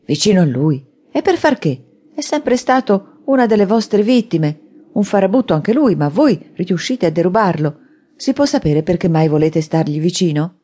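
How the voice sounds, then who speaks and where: Woman voicing a loud, furious drunkard. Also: fairly low pitch, big pitch swings, moderate pace, husky. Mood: angry. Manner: loud, shouting, blustering. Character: drunken brawling man, furious and threatening.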